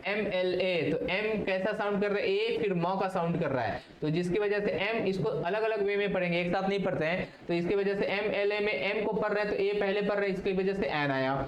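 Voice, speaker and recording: A male English teacher explains a grammar point in a recorded video lesson. He keeps asking questions and answering them himself, and his fairly high voice carries an echo from the room along with a faint hiss behind it. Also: a little fast, hardly any pauses, dull audio.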